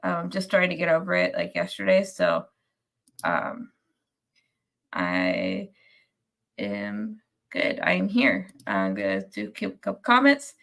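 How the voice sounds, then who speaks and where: A young woman is sick while hosting a post-game show for sports fans on a casual live stream, and she sounds nasal and congested from a cold. As a podcast host she rambles with lots of ums and restarts and reads out viewer comments. Her voice is low and slow, creaky and fairly bright, with big pitch swings and frequent pauses.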